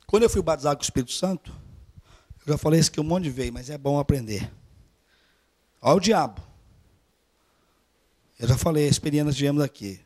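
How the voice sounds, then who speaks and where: A man with a Brazilian Portuguese accent preaching a storytelling sermon at a church service, swinging from hushed asides to loud urging. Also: on the high side, lively intonation, normal speed, long pauses.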